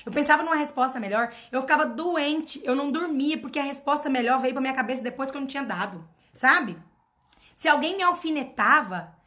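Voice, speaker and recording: A woman's voice: high-pitched, fairly bright tone. A woman mentoring her followers in an emphatic motivational talk. She repeats her points and keeps asking rhetorical questions. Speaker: personal development mentor.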